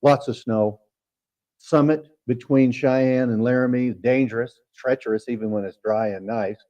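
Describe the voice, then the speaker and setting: A man's voice: medium pitch, fairly even intonation, normal speed, warm tone, highs cut off. A man working as a TV meteorologist, explaining the forecast in a folksy way with frequent fillers. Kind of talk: broadcast weather chat.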